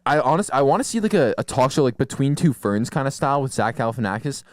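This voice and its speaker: A man's voice: mid-range voice, quick pace, no echo. A young man co-hosting a comedy podcast, talking casually with lots of swearing and laughter. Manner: animated, profane, laughs often. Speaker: podcast co-host.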